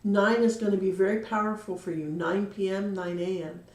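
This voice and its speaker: A woman's voice: mid-range voice, steady tone, moderate pace, darkish tone. Heartfelt lady doing a card reading livestream, roomy echo around her voice. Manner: earnest, emotional, talks directly to a viewer. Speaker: card reader and medium. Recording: echoey room.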